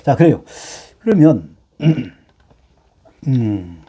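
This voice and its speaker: Male hanja teacher, middle-aged, very dark voice, husky, slow explaining with fillers. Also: medium pitch, big pitch swings. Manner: explains slowly with many "예" fillers and rhetorical questions. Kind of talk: lecture.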